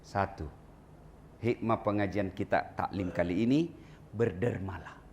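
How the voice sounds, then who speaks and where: A man's voice: sits low, unhurried, creaky, a little hiss or hum. A male preacher telling a story in a humorous sermon, asking the audience questions and acting out the voices. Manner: animated, acts out voices, asks the audience questions.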